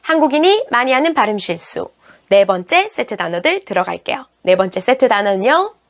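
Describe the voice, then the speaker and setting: A Korean woman teaching English pronunciation, asking learners questions and saying each English word slowly twice. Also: on the high side, big pitch swings. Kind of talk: online pronunciation lesson.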